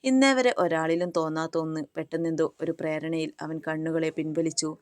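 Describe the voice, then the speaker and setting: A woman narrating a romance story in a steady, even reading. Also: sits low, moderate pace, no echo, studio quality.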